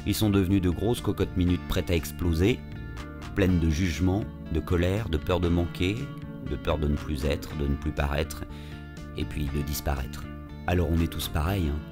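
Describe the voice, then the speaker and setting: A man's voice: low voice, steady tone, normal speed, music in the background. A man with a French accent from France and a slushy, sh-like s, telling a scripted first-person story as podcast narrator and actor.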